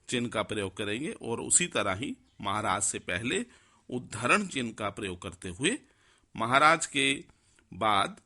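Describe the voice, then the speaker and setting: Male teacher, unhurried and methodical, spells words out step by step; lively intonation. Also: medium pitch. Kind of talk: explaining a Hindi grammar lesson.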